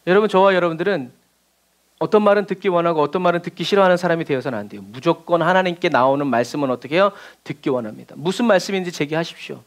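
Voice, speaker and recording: A man's voice: fairly high pitch, very fast. A male pastor preaching a Sunday sermon, acting out quoted voices and chuckling as he talks. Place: church sanctuary.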